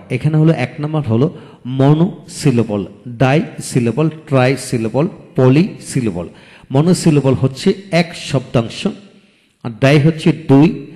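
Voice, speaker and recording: Male lecturer, mellow tone, drills vocabulary word by word in a reverberant room. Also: medium pitch. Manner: slow drilling, repeats each word twice. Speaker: English teacher. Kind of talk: video lecture.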